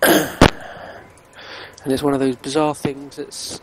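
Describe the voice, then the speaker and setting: A man's voice: medium pitch, big pitch swings, extremely slow, creaky, rough recording. A man in casual banter over voice chat, teasing his friends dryly and putting questions to them.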